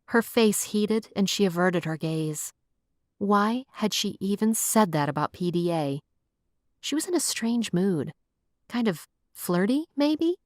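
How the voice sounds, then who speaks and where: A woman narrating a romance audiobook in an even, measured storytelling voice. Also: mid-range voice, no room sound, clean studio sound.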